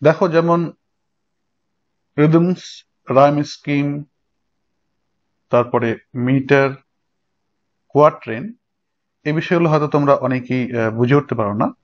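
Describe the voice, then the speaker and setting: Male teacher, slightly high voice, patient explainer, lo-fi recording. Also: measured pace, pauses often. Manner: explanatory, checks in with students. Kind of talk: recorded lecture. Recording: dull lo-fi sound.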